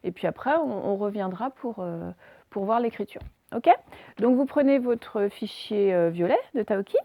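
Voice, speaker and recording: Primary teacher, woman, gravelly tone, dry close sound, patient and deliberate with young learners. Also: medium pitch, lively intonation, mellow, no room sound. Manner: slow, carefully articulated words for dictation. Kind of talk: remote phonics lesson for young children.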